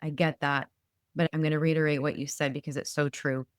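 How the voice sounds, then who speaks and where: A woman hosting a talk podcast in a lowish voice, thoughtful and personal as she asks questions. The sound is close and dry, with no echo. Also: flat delivery, a little fast. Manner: reflective, draws on her own experience. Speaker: podcast host. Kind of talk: podcast interview, casual chat.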